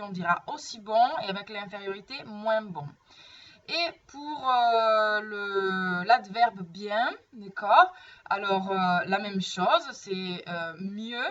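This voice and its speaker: Unhurried woman teacher, distant dull recording. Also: mid-range voice, fairly bright tone. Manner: slow, patient explaining, often checking "d'accord?". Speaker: French teacher. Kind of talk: grammar lesson.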